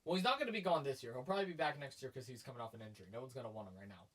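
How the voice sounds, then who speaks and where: Rapid-fire speech in a mid-range voice marks this male sports podcast co-host. He chats casually, then gets emphatic, energetic and loud as he argues his points with hype.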